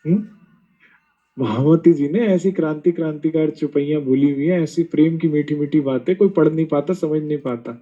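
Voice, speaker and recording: Scolding male preacher, mellow and raised. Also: on the high side, brisk, hardly any pauses, dull audio. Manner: animated, scolding with rhetorical questions and mocking asides. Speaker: spiritual preacher. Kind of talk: devotional sermon.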